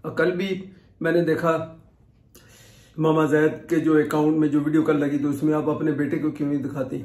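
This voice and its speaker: A man's voice: a little high, level tone, moderate pace, darkish tone. A middle-aged man telling a casual vlog story, chatty and digressive, often restarting his sentences. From Pakistan. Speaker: vlogger. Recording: echoey room.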